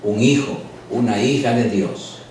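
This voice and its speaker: A man's voice: medium pitch, measured pace, a little mellow, a little hiss or hum. A man pastor preaching a sermon with emphatic, repeated phrases, recorded in a church. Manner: preaching with rising emphatic repetition. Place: church sanctuary. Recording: echoey church hall picked up from a distance.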